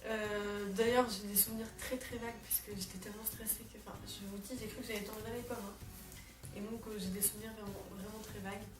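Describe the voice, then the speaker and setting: A woman's voice: mid-range voice, little pitch movement, a little fast. Teen girl vlogging, chatty and full of "euh"s, echoey room, mic kinda far, music underneath. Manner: chatty, many fillers and restarts. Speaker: exchange student vlogger. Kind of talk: casual chat to camera. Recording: roomy, distant mic, background music.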